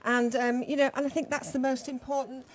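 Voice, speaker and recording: A woman's voice: high voice, level tone, brisk, slight background noise. A woman modelling shapewear on a shopping show, chatting about how it feels with frequent you-knows and ums. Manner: chatty, fillers like you know and um. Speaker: model demonstrating the product. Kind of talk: casual product testimonial.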